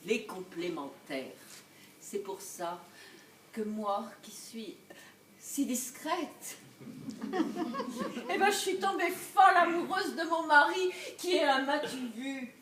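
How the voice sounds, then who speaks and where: A scorned wife, fiery and scheming, played by a woman on a theatre stage in a live comedy. Her voice sits high, and her speech is slow and deliberate. She laughs through her plots and drops to low asides. The sound is roomy and picked up from a distance. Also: big pitch swings, a little hiss or hum, full character voice. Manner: laughing, swinging between loud outbursts and low asides. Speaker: stage actress. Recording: echoey stage recorded from far off.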